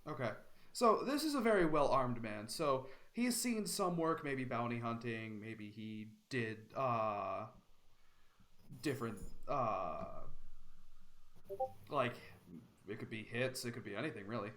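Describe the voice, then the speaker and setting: A man's voice: medium pitch, lively intonation, a little slow, fairly bright tone. A man narrating as game master in a tabletop role-playing session, hesitant with many fillers.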